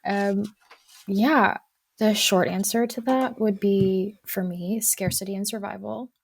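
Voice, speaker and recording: A woman counselor guesting on a podcast, talking in a thoughtful, measured way and often stopping to qualify her points. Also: mid-range voice, steady tone, vocal fry, breathy edge. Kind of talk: casual podcast conversation.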